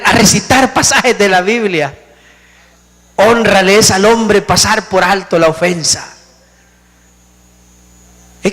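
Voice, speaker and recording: A man's voice: high-pitched, a bit bright, in a large hall. A man preaching a sermon as pastor, speaking emphatically and putting rhetorical questions to his congregation in a church.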